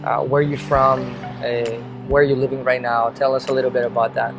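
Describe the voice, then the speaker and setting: A man's voice: medium pitch, level tone, fairly quick, creaky, dull audio, over music. A man hosting a casual interview, upbeat and encouraging, often restarting his questions. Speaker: interviewer, host. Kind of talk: casual interview, video intro.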